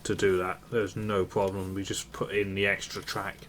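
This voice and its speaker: A man's voice: low voice, flat delivery, moderate pace, fairly bright tone. A man streaming a multiplayer game with casual commentary, upbeat when he thanks viewers. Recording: clear background noise.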